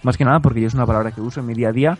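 A man's voice: mid-range voice, rapid-fire. Joking rambling Spanish-raised man. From Spain. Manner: rambling, joking, laughs often. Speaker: podcast segment host. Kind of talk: comedic casual chat.

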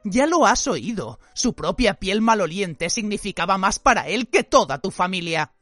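A woman's voice: mid-range voice, animated, moderate pace, a bit bright, no room sound. A woman voicing an angry, vengeful man who bellows accusations. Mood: accusing. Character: furious vengeful grown man, harsh and accusing.

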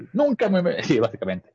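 A man recapping an anime episode in casual, animated chat. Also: mid-range voice, gravelly, a little hiss or hum. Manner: animated storyteller, lots of fillers and restarts. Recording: dull lo-fi sound.

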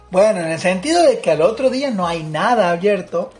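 A man in a casual chat, talkative and laughing often, speeding up in quick bursts. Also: high voice, expressive, faint music behind.

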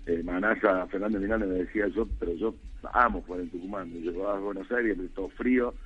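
A middle-aged Argentine man, a rugby coach, talking earnestly by phone in a halting way with many restarts and fillers. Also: low voice, husky. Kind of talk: casual phone interview. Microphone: telephone. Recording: tinny phone line.

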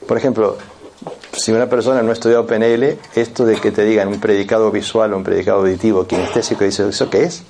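Gravelly low-voiced lecturer. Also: male voice, fairly even intonation, quick pace, darkish tone, slight background noise. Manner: explanatory, addresses the audience directly with frequent asides. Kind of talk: classroom lecture.

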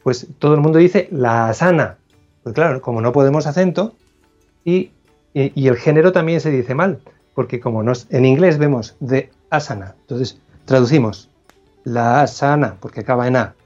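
A man's voice: medium pitch, a little fast, a little mellow, muffled recording, soft background music. A man, a philosophy scholar, explaining ideas as an interview guest, thoughtful and prone to restarts and self-corrections.

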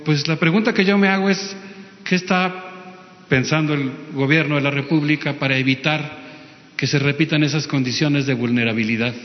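Mexican man, reporter, formal and argued questions, slightly higher voice, echoey hall on a dull lo-fi recording. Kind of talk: press conference question.

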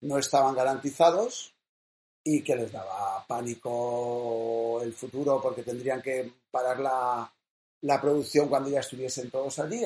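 A man's voice: medium pitch, darkish tone, roomy sound. A man co-hosting a casual chat show, reading news items in a conversational way. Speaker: co-host. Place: small room at home.

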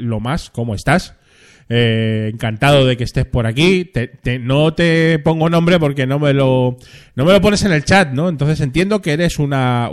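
A man hosting a casual live stream, reading chat messages aloud and rambling in a chatty way with frequent questioning tags. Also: medium pitch. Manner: rambling, chatty, ends phrases with a questioning tag.

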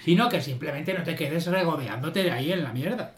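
A man with a somewhat high voice, joking in mock-formal tones on a casual podcast. He argues his views plainly. There is noticeable echo around him. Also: lively intonation, fairly quick. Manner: mock-formal teasing, argumentative. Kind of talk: casual chat. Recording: echoey room.

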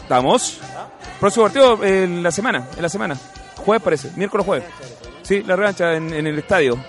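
Chilean male host, high pitch, jokey street-radio chatter, faint music underneath. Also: fairly quick. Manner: jokey, excitable, calls goals in bursts. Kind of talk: casual street radio chat with play-by-play commentary.

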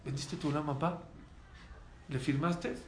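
A man's voice: a little high, fairly even intonation, unhurried, reverberant, a little hiss or hum, close to an everyday voice. A man voicing a stern, formidable wife who scolds and commands in a storytelling sermon. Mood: scolding. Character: stern, formidable wife, middle-aged woman.

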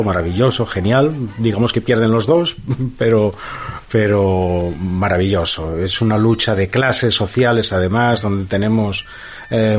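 A man talking casually about a film, enthusiastic and rambling, with many fillers and restarts. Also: fairly low pitch. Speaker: film commentator. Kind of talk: casual film chat on a radio show.

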